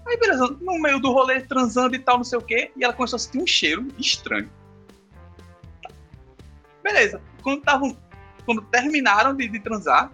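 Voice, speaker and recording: A man's voice: high-pitched, sharp tone, slightly rough. A young man, telling stories casually and animatedly in slang on a podcast.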